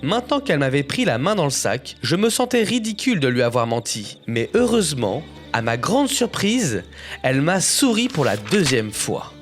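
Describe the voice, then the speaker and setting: Man as young adventurer, high-voiced, vividly storytelling over music. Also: moderate pace. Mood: expressive narrating. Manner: expressive, suspenseful storytelling. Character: young Aladdin, poor adventurer telling his story. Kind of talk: dramatic scripted first-person storybook narration. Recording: music bed behind narration.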